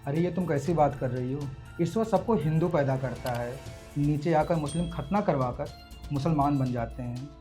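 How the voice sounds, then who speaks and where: An actor playing a gentle young husband who speaks softly and reassuringly. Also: male voice, fairly high pitch, moderate pace, soft background music, natural voice. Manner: soft, reassuring. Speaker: actor in a short drama. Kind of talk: Hindi short-film acting.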